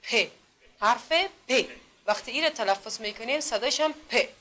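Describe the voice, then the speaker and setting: A woman's voice: fairly high pitch, bright, forceful tone. A woman from Afghanistan teaching adults to read in a classroom, patiently drilling them with repeated questions. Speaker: literacy teacher.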